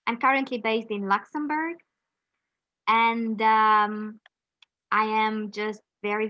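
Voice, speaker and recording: Middle-aged woman from romania, interview guest, thoughtful and pausy, dull dry lo-fi mic. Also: mid-range voice, dry recording. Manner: reflective, pauses with frequent fillers. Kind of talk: conversational interview.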